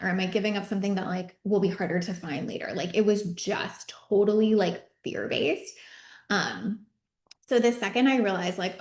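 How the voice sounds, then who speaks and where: A woman talking through a casual personal update to her online community. Her voice sits in a middle pitch, and she talks in a chatty, rambling way with plenty of swearing. The sound carries a noticeable room echo. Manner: chatty, filler-heavy, swearing, reading chat replies. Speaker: business coach and host. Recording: echoey room.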